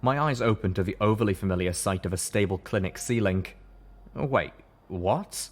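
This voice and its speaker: A man with a lowish voice reads a story aloud at a fast clip, working as a scripted audiobook narrator. The room is echoey, and background noise can be heard.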